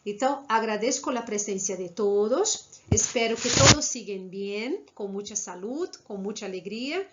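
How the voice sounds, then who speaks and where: A woman's voice: mid-range voice, lively intonation, moderate pace, few pauses, fairly bright tone. A Brazilian woman teaching an online Spanish class, encouraging and asking many rhetorical questions. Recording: muffled lo-fi audio with background hiss.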